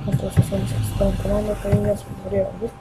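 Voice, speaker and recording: A young man with a Peruvian accent giving excitable gameplay commentary, muttering repeated words and swearing as he plays. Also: high voice, brisk, heavy background noise. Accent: Peruvian Spanish. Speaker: gamer.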